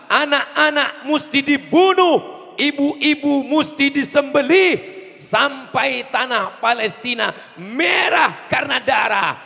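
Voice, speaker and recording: A man preaching a fiery rally sermon, slow and emphatic, with call and response, rising to shouts. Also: extremely high pitch, vocal fry, muffled recording. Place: large outdoor rally. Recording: distant echo over crowd loudspeakers.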